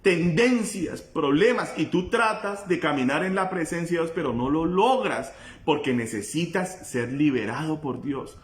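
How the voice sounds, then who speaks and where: Male pastor, fervent preacher who rises to cries then drops low; slightly high-pitched, roomy echo. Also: unhurried. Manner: impassioned, swings between loud cries and low intensity. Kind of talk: sermon.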